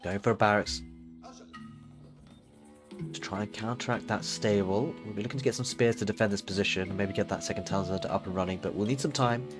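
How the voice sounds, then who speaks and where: A man giving steady play-by-play commentary on a strategy game match, explaining moves as they happen with frequent fillers. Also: on the low side, a little fast, over music. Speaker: esports caster.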